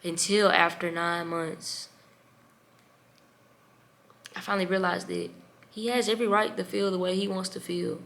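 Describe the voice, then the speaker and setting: Bright-voiced young woman telling her story. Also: fairly low pitch, a little slow, long pauses. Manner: emotional, animated storytelling. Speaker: vlogger. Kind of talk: storytime vlog.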